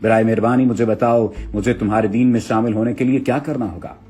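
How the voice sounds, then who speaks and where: A man's voice: fairly low pitch, fast, dark tone, close to an everyday voice. A man reading the lines of a remorseful grown enemy commander, urgent and pleading, in a dramatic reading of dialogue. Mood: earnest.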